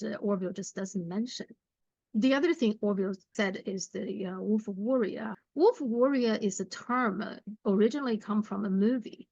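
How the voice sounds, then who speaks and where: A woman hosting her own channel, reading viewer comments aloud and then giving her commentary in a measured way, often pausing on "uh". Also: mid-range voice, vocal fry, a little mellow, dry recording, dull audio. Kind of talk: commentary on current affairs.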